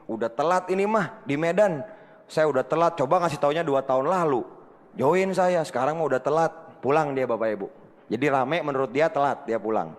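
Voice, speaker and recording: A man's voice: a little high, a little fast. A man giving a motivational seminar talk, telling a story and acting out the voices of people in it while speaking straight to the audience. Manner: animated, addresses the audience again and again, acts out quoted dialogue. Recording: long reverb of a hall.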